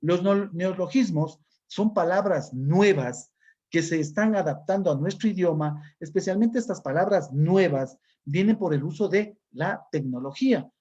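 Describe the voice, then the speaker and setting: In this recorded class lesson, a man from Ecuador speaks with an Ecuadorian accent in a slightly high voice with a darkish tone and clipped highs. His explanations proceed step by step, and he keeps checking in with listeners, tacking on "¿no es cierto?" often.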